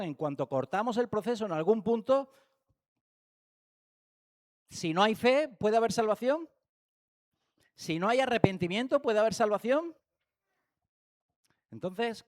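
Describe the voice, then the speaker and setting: A man with an accent from Spain leads a church Bible study in a fairly high voice. He talks animatedly, firing rhetorical questions and acting out small everyday scenes to make his point. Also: a little mellow. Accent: Spain Spanish. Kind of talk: church teaching talk. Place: church hall.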